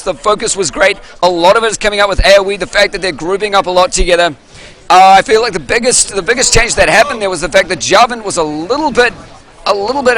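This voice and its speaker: A man casting a live esports match, excitable and rambling, losing his voice, at a venue with an audience. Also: high voice. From New Zealand. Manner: excitable, rambling, self-interrupting. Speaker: esports caster.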